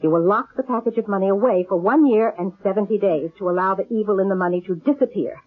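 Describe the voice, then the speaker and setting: In a thin, narrow-band old radio recording, an actress voices a shrewd, middle-aged fortune-teller and con artist in old-time radio drama style. Her medium-pitched voice moves fast with a breathy edge, lightly acted, sounding solemn, commanding and portentous.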